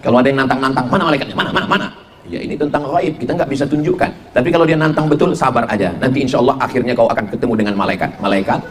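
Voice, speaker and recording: A middle-aged man giving a humorous sermon to a congregation, animated and full of mimicry. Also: very fast, hardly any pauses, slight background noise. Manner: animated, mimics voices for jokes, shifts between high and low pitch. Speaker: Islamic preacher.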